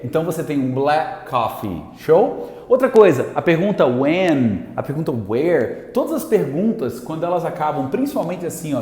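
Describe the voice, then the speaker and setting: A man with a Brazilian Portuguese accent teaching an English lesson, repeating example words slowly and checking in with his viewers often. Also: on the high side, mellow. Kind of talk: language lesson at a whiteboard. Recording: echoey room with long reverb.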